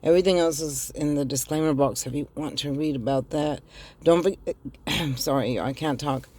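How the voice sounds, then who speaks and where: A middle-aged tarot reader, her voice raspy from the flu, gives a casual reading straight to viewers with hesitant ums. She records in a car on a handheld phone, speaking low at normal speed with a dark tone.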